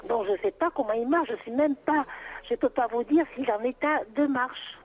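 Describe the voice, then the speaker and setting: Over a noisy phone line, a middle-aged woman with a high-pitched voice speaks at a moderate pace. Unscripted and answering as a private seller, she sounds exasperated and insistent, repeating herself.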